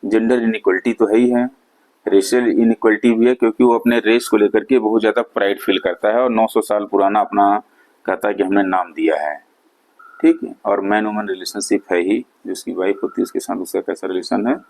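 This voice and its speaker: A man teaching literature, reading exam questions slowly and then explaining each answer in quick Hindi asides. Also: fairly low pitch, steady tone, a little mellow, poor audio. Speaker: English literature lecturer. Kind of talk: exam-prep lecture in Hindi-English mix.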